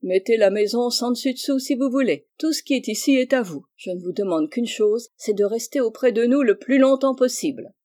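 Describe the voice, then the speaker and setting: A reader voicing a warm, generous elderly maiden aunt who fusses kindly over her family. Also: medium pitch, brisk, few pauses, close to an everyday voice.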